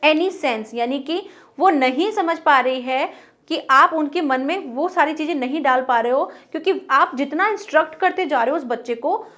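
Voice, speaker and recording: Woman teacher, high voice, patient explaining, slow careful reading of quotes. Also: fairly bright tone. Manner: explains patiently, reads English lines slowly. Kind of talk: Hindi poem explanation lesson.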